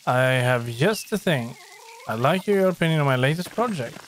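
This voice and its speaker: A man's voice: mid-range voice, animated, moderate pace, a little hiss or hum, natural voice. A man voicing a hospitable middle-aged male printer and artist in a game, reading the lines aloud plainly. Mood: friendly.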